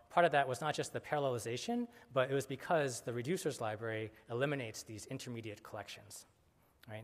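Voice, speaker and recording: A man giving a technical conference talk in a casual way, with many fillers and self-corrections. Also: mid-range voice. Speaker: conference speaker. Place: conference hall. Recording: lecture hall with long reverb.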